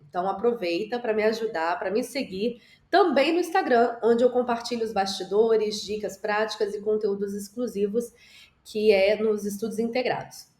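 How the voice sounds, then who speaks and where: A woman teaching an English lesson with gestures, speaking to the viewer in an encouraging way and drawing out the model sentences slowly for repetition. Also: medium pitch, a little mellow, reverberant.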